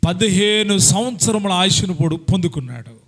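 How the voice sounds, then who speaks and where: A male pastor preaching a sermon, telling stories, dropping to a hush and rising to ringing appeals. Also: sits high, animated, normal speed. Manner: storytelling preacher, swings from hushed to ringing.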